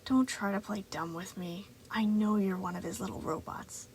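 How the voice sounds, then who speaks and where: During a story reading, a woman voices an unhinged, condescending male robot with a moon face, taunting in a slow, crackling near-whisper full of tightly controlled intensity. Her voice is medium-pitched and darkish, with fairly even intonation, close to how she normally talks.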